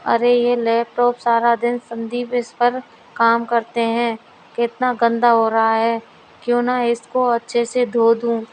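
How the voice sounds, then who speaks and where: A woman's voice: a little high, monotone, takes it slowly, slight background noise, rough recording. A woman reading a naive young bride in a storybook. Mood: earnest. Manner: earnest, obedient, takes words literally. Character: naive, literal-minded young daughter-in-law.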